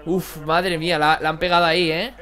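A young man, excitably commentating his own football video game match for viewers. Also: a little high, a little fast. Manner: excitable, exclaiming, chatty. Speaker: gaming youtuber. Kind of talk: live gameplay commentary.

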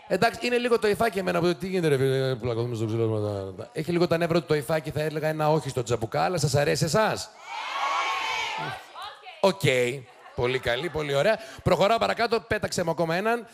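Sarcastic gravelly male TV host. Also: on the high side, lively intonation, a crowd in the background. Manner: sarcastic, teasing, quick mocking asides. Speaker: TV show host. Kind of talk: joking commentary to a studio audience. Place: TV studio. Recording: noisy studio with loud audience. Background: studio audience laughing and cheering.

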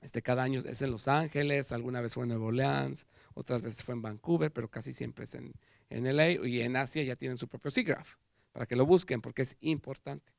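Gravelly Mexican man giving a lecture. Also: mid-range voice, a little fast, dry recording, studio quality. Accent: Mexican Spanish. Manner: animated storytelling with acted quotes. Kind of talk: conference talk. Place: lecture hall.

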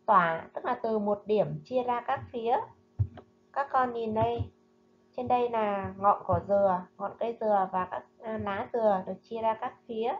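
A woman teacher leads a recorded reading lesson for small children, pronouncing every syllable slowly and distinctly. Her voice sits a little high. The voice-over has a slightly muffled, lo-fi sound. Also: a little hiss or hum. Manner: slow, careful, clearly enunciated reading and drills. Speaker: primary school teacher. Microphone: voice-over narration over slides.

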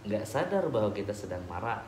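A man's voice: fairly low pitch, very animated, brisk, darkish tone, a little hiss or hum. A man, an ustaz answering questions from his audience in a conversational way, acting out little dialogues and checking that they understood. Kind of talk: religious talk with audience Q&A. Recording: echoey hall.

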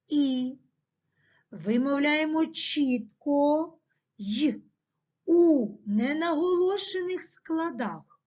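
A woman teacher giving a language lesson to children, dictating words slowly and pronouncing them carefully. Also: high voice, darkish tone, lo-fi sound. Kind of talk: classroom lesson.

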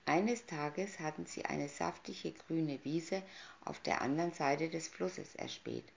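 A woman reading a fairy tale aloud from a picture booklet, announcing each picture in calm storybook narration. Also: deep voice, takes it slowly, vocal fry. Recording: dull lo-fi recording.

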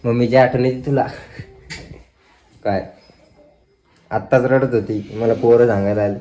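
A man's voice: medium pitch, fairly even intonation, moderate pace, dark tone. A man vlogging casual family chat at home, teasing his wife in a playful way. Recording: dull lo-fi with faint noise.

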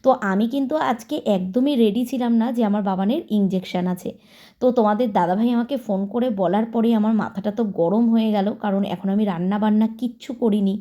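Mellow-voiced woman chatting to her viewers. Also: medium pitch. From West Bengal, India. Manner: chatty, talks straight to viewers, running commentary on chores. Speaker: homemaker vlogger. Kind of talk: casual chat to camera. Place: at home.

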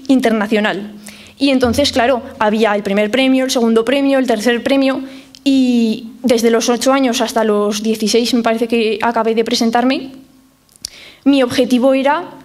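High-voiced harpist giving a talk. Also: female voice. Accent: Spain Spanish. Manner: explains with lively spoken examples. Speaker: professional harpist. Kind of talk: talk to a family audience.

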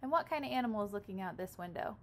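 Rapid-fire and animated, a twenties-aged pre-kindergarten teacher reads a picture book aloud from a small room at home, explaining it simply and expressively and quizzing her young listeners. Her voice is mid-range, and a little hiss or hum can be heard.

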